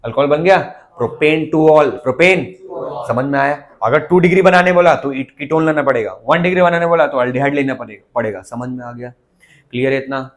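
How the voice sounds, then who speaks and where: A man's voice: mid-range voice, normal speed. A man teaching a chemistry lesson, constantly checking whether his students understood. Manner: coaxing, keeps asking students if they understood. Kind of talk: classroom lecture.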